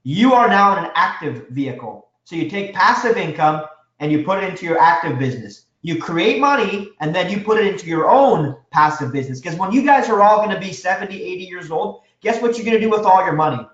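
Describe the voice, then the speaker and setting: A man teaching a live real estate seminar, energetic and quizzing his audience with questions. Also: sits high, a little fast. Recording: echoey room, dull lo-fi sound.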